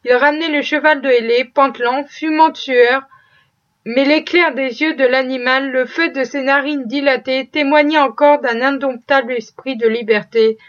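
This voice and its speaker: A woman reading a classic novel aloud as audiobook narration, steady and expressive. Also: high voice, moderate pace. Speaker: audiobook reader. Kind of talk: scripted narration. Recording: dull lo-fi recording.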